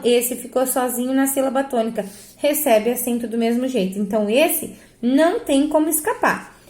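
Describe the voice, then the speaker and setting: A woman's voice: a little high, a little mellow, roomy sound. A Brazilian woman teaching a grammar lesson, explaining step by step and asking herself rhetorical questions. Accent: Brazilian Portuguese. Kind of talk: grammar lesson correcting exercises.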